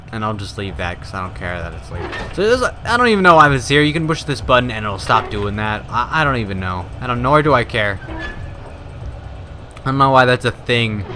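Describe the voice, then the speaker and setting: A young man commenting casually on a horror game as he plays, rambling and shouting during fights. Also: lowish voice, a little hiss or hum. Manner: rambling, excitable, yells at fights. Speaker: gaming YouTuber. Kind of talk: let's play commentary.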